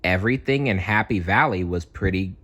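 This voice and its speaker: Reading a kids' storybook in a dramatic, carefully paced way, this male narrator has a deep, husky voice.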